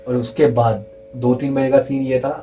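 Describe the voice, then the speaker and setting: A young man earnestly telling a true scary story in casual chat, repeating himself for emphasis and dropping to a hush at the tense parts. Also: medium pitch, little pitch movement, normal speed, soft background music, rough recording.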